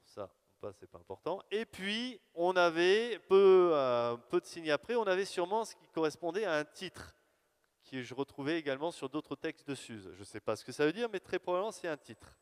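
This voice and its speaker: Guy giving a talk in a big echoey hall, smooth clear voice, chatty and lively. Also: fairly high pitch. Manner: lively, conversational, thinking aloud with fillers. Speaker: lecturer presenting his research. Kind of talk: live lecture to an audience. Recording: long hall reverb.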